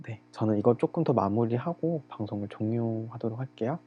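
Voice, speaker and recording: A man hosting a livestream, talking casually to listeners in a monologue while he draws, often trailing off softly at the ends of phrases. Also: medium pitch, fairly quick, breathy edge, dull audio. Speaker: livestream host.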